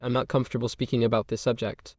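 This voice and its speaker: Male voice as game oddities collector, formal, nosy, monotone, dry. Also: mid-range voice, quick pace, dry recording, lightly acted. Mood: courteous. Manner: formal, courteous, keeps asking questions. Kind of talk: game character dialogue.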